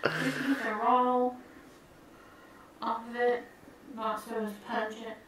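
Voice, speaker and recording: A woman's voice: a little high, level tone, slow pace, noisy background. A woman casually demonstrating cooking as a home cook, recorded in an echoey kitchen at a distance from the mic, with music behind.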